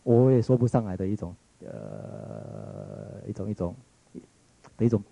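A man's voice: lowish voice, very animated, measured pace, gravelly, warm tone, breathy edge, dull audio. A man with a Taiwanese Mandarin accent giving a reflective lecture, retelling a story in a musing way, often searching for words and restarting.

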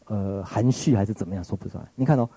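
Male Taiwanese Mandarin lecturer, dark husky voice, dry close sound, rambling reflective storytelling. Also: lowish voice, quick pace, no echo, rough recording. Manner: musing, searching for words, frequent restarts.

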